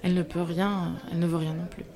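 A woman voicing a spirited, mischievous young woman who narrates her own story in a lively, playful, expressive way. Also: on the low side, quick pace, close to an everyday voice. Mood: dreamy. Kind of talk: literary radio play narration.

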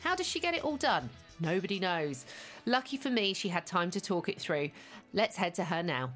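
A woman hosting a podcast, reading a scripted introduction and then interviewing her guest in an upbeat, clear presenter manner. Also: lowish voice, very animated, moderate pace, a bit bright, faint music behind. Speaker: podcast host.

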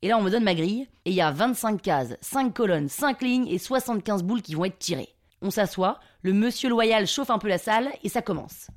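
A woman's voice: mid-range voice, expressive, a little fast, hardly any pauses. A woman in her thirties from Paris, narrating a self-mocking personal story for a podcast. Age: 30s.

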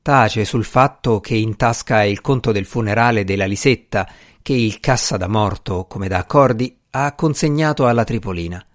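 A man narrating a novel chapter by chapter in a wry, measured storytelling manner. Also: lowish voice. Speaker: audiobook narrator. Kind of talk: scripted narration.

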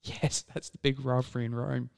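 A man co-hosting a casual podcast, reading out quiz questions with jokes and playful pauses. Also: medium pitch, flat delivery, gravelly, clear, resonant tone. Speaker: podcast co-host and quizmaster. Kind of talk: casual chat.

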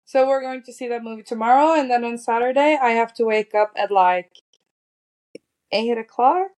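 Upbeat woman with a slightly high voice. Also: normal speed, a little mellow. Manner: upbeat and easygoing, filler-heavy. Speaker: podcast co-host. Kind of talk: casual chat.

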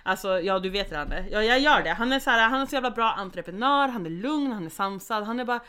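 A young woman in casual chat, relaxed and frank, swearing freely and pausing on fillers while she remembers. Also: medium pitch, clean tone. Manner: hesitant fillers while recalling.

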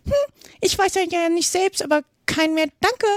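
A woman voicing a small, weak male lizard with a squeaky voice, babbling in a flustered way in a storybook reading. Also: fairly even intonation, moderate pace, no echo, clean studio sound. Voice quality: squeaky, shaky high voice.

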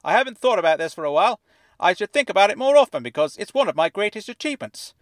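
A man voicing an excitable middle-aged newspaper writer with a fuzzy, wobbly, slightly distorted voice and a gushing way of talking. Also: high voice, fast talker, dry recording, pitched above the performer's own voice. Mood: eager. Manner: effusive, gushing, rambles when excited.

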